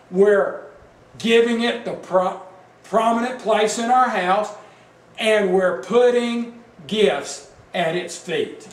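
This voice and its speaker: High-pitched guy preaching slow, asks the crowd stuff, echoey room, kinda far from the mic. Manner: emphatic, asks the congregation questions. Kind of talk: sermon. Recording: echoey room, mic at a distance, faint background noise.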